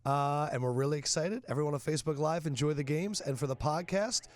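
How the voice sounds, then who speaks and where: Lively man hosting a football podcast. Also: fairly high pitch, faint music behind. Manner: lively, storytelling, quick asides. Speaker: podcast host. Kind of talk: casual sports talk.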